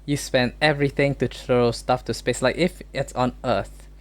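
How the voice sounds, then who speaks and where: A man streaming casually, arguing playful debate prompts with joking disbelief and quick exclamations. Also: mid-range voice, fairly even intonation. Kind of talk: casual solo stream chat.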